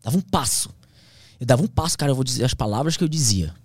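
A man's voice: medium pitch, expressive, quick pace, breathy edge, dry recording, studio quality. A man, a pilot who is a podcast guest, telling his survival story in a slangy, intense way that sometimes drops to a whisper. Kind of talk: emotional storytelling in casual conversation.

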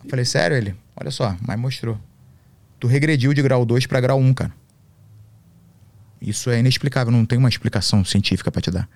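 A man's voice: mid-range voice, brisk, long pauses, a little mellow. A man, a podcast guest and MMA coach, telling a story in slangy, swear-filled casual talk.

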